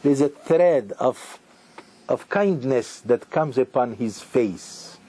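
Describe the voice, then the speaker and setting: A man giving a sermon as a rabbi, speaking with emphatic repetitions and halting restarts. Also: medium pitch, animated, dark tone.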